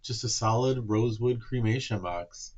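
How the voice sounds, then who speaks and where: A man's voice: mid-range voice, moderate pace, a little mellow, lo-fi sound. A man co-hosting a podcast in casual chat, easygoing with dry humor. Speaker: podcast co-host.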